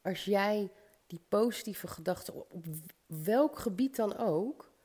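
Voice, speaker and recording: A woman's voice: mid-range voice, animated, a little slow, mellow. A woman with a slight cold and stuffy nose, giving an encouraging motivational podcast monologue straight to the listener. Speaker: podcast host. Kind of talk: motivational self-help podcast monologue, addressing the listener directly.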